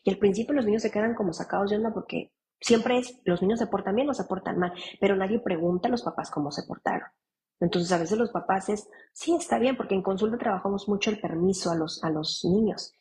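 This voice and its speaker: A woman's voice: mid-range voice, quick pace. Woman psychologist giving chatty parenting advice. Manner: conversational, warm advice with frequent restarts. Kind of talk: live Q&A with parents.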